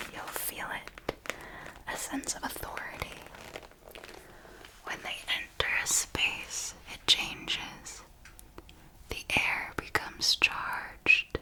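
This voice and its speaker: In an ASMR roleplay, a woman plays an elegant vampire mentor, whispering intimately close to the mic at a very slow, deliberate pace. Her breathy whisper is fairly high-pitched, and her formal phrasing carries possessive fondness and calm command. The recording is low quality.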